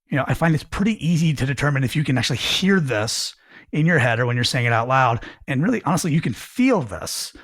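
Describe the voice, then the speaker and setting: A man's voice: a little high, fairly bright tone, dry recording, studio quality. A man coaching on career skills, explaining earnestly and acting out example phrasings to show tone. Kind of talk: talking-head career advice.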